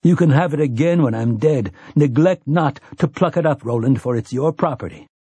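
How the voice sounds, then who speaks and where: A man reading an audiobook, putting on a wounded young gunslinger who jokes in the face of death, his husky voice pushed a little higher than the narration. The delivery is jaunty and mocking, close and dry with no room around it. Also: normal speed, warm tone, dry recording. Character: dying young male gunslinger, reckless and laughing. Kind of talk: audiobook character voice.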